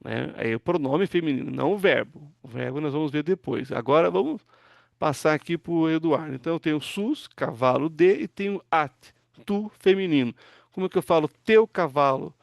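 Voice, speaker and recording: A pastor teaching an online Hebrew class, patiently walking students through word forms and asking them to read aloud. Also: male voice, a little high, animated, moderate pace, gravelly, no echo, clean studio sound. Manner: patient, explains step by step, asks students to read.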